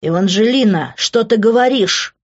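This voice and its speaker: A woman's voice: mid-range voice, normal speed, darkish tone, pitched above the performer's own voice, lightly acted. Woman doing an indignant young man, exclaiming, defensive, slightly dull audio.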